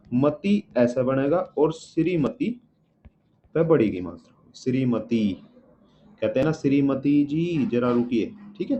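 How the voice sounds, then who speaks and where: A man's voice: mid-range voice, dark tone. A man teaching a spelling lesson word by word, asking and answering his own questions and often checking with his students. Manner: repeats each word and checks with "ठीक है". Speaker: Hindi exam teacher. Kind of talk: spelling lesson walking through words. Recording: dull lo-fi audio with faint room noise.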